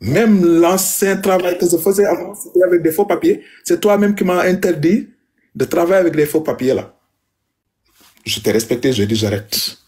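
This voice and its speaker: A man's voice: sits high, normal speed, a little mellow. A man, speaking to his wife in an emphatic, repetitive, aggrieved way. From Senegal. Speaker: husband addressing his wife. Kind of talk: heated personal address.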